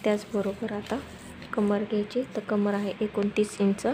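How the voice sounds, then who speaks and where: Woman teaching sewing step by step, talks soft n quiet like it's late at night, pretty flat tone, bit of background noise. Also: mid-range voice, normal speed. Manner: speaking softly, quiet at night while others sleep; instructional, repeats steps and measurements. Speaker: sewing tutorial host. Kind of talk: step-by-step tailoring tutorial.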